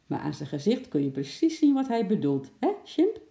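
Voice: mid-range voice, big pitch swings, normal speed, creaky, warm tone, voice pushed up. A reader voicing a kind, patient little girl in a children's storybook, in a raised, coaxing voice. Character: young girl, kind and helpful, zoo visitor. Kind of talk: storybook reading. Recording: echoey room.

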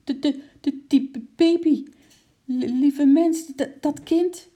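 A reader voicing a doting, short-sighted older woman who keeps a sweetshop, cooing in high baby talk. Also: very animated, moderate pace, mellow, slightly rough. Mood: stammering.

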